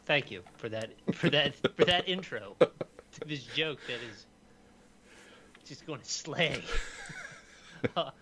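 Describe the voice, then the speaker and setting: Bright-voiced man telling a dad joke. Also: medium pitch, lively intonation, takes it slowly, pauses often. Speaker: co-host of a dad joke show. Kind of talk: casual comedic chat.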